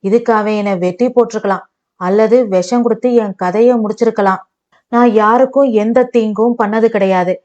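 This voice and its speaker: A woman voicing a patient young wife who speaks calmly and soothingly. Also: mid-range voice, normal speed, lo-fi sound, lightly acted. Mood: hurt. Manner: calm, soothing, pleading.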